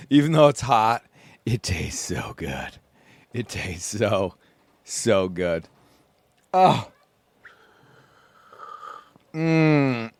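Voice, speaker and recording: A man's voice: mid-range voice, sing-song, very slow, long pauses, dry recording. A sleep-deprived man hosting a podcast, rambling groggily to himself as he sails. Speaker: podcast host, solo sailor. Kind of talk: casual self-recorded monologue. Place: small sailboat at sea.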